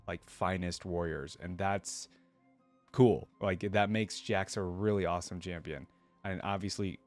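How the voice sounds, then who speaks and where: A low-voiced man reads a fantasy story aloud for a reaction video, which he hosts. He keeps breaking in with eager, informal fan commentary.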